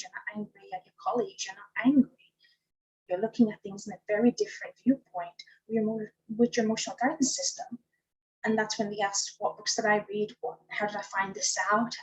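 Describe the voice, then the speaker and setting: Husky-voiced woman life coach. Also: on the high side, low-quality recording. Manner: tells stories by acting out her own past dialogue. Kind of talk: podcast interview answers.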